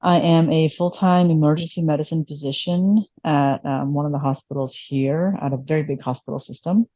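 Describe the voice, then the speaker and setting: A woman's voice: sits low, fairly even intonation, normal speed, dark tone, dry recording, muffled recording. A woman in her late thirties from Vietnam, an emergency physician being interviewed, talking reflectively with many fillers. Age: late 30s. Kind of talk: conversational interview.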